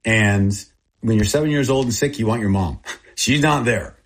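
Born in Texas and raised in Thailand, this man in his sixties is a native Thai speaker and the founder of a missionary aid group. In an interview, he tells personal stories earnestly and confessionally in short, plain phrases. His voice is husky and lowish, at a normal speed.

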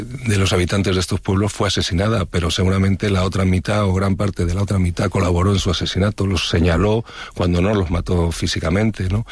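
A man with a low, deep voice, from Madrid, explains his work in an interview. He speaks reflectively, stopping and restarting phrases as he searches for words. The sound is dry and close. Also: dry recording. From Madrid, Spain. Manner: thoughtful, with frequent restarts and hesitations. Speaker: novelist guest.

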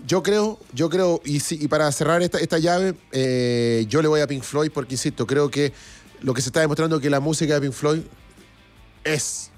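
Hosting a live music broadcast, a fairly high-voiced Chilean man chats casually at normal speed. Reading comments aloud, he frequently repeats phrases to stress them.

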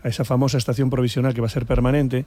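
A man on a political panel debates with indignant emphasis, repeating words to drive his points home. His medium-pitched voice has a dark tone and barely moves in pitch while he races along. The exchange is a casual, opinionated debate.

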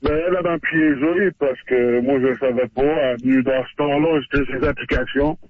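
A man's voice: mid-range voice, fairly even intonation, dry recording, phone-quality sound. A male caller with a Québécois accent and a voice disguised by a voice changer, hesitantly confessing on a radio call-in. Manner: hesitant, halting with fillers.

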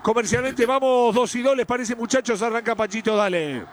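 Argentine man, radio sports host, high voice, brisk hand-offs, faint noise behind. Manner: brisk, hands off to reporters. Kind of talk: live radio sports talk.

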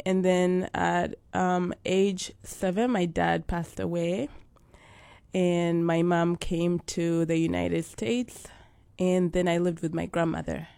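A woman from Uganda, a nurse, answering interview questions softly with hesitant fillers. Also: fairly low pitch, vocal fry, no echo. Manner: soft-spoken, with hesitant fillers. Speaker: guest, nurse and agency CEO.

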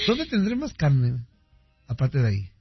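A man's voice: medium pitch, wildly swooping pitch, slow, slightly rough, soft background music. A man hosting a radio show, joking and laughing a lot while taking calls. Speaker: radio host. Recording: dull lo-fi radio audio.

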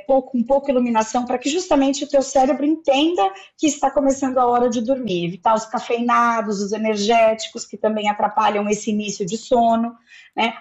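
A woman doctor calmly explaining sleep advice step by step as an interview guest. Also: a little high. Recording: slightly dull, muffled audio.

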